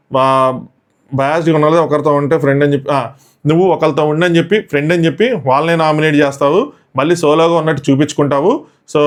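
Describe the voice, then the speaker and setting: Rapid-fire male show reviewer. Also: on the high side. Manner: breathless storytelling, mixes in English words. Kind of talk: rapid episode recap commentary.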